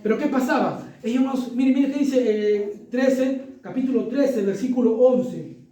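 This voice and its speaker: A man's voice: extremely high pitch, a little slow, warm tone, distant mic. A man preaching a sermon as a pastor, talking animatedly and acting out the voices of a child and church members. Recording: echoey church hall, voice from off-mic.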